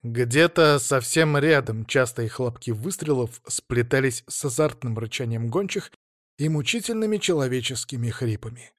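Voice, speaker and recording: A man narrating a fantasy novel in the first person with brisk, vivid delivery. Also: mid-range voice, lively intonation, no room sound, studio quality.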